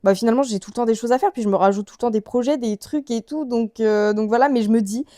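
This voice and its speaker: Talking quickly to her vlog audience, a young woman rambles casually and leans heavily on slang. Her voice is fairly high yet dark in tone, and the audio is dry with little echo.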